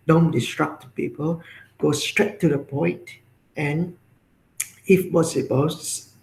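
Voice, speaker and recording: A man's voice: on the high side, creaky, darkish tone, reverberant, rough recording. A man with a Vietnamese accent who teaches a class and explains things step by step, often checking in with "right?" and "okay?". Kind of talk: classroom lecture.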